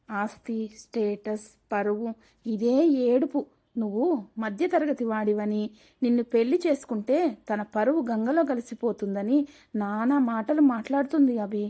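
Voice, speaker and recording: Storybook drama: a woman as an earnest young daughter, pleading and stubborn, lightly high voice. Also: warm tone, close to an everyday voice. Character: headstrong young woman in love, a wealthy family's daughter.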